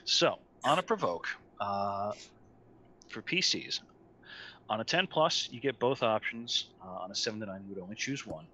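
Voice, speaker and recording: A man's voice: on the low side, expressive, moderate pace, sharp tone. A man acting as game master, patiently explaining rules with many fillers over an online call. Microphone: online call mic.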